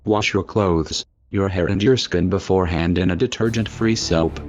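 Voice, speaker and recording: Disguised deep male voice, lo-fi. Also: a little mellow. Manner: formal, measured, instructive. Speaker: anonymous spokesperson. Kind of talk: scripted public statement. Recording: dull lo-fi audio with faint music.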